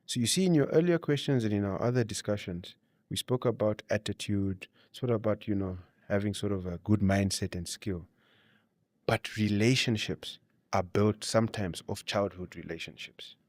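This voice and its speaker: His voice lowish and a little mellow, a Namibian man speaks at a moderate pace as an interview guest, blending advice with storytelling. He often adds "you know" and "you see," and the clean studio recording has no echo.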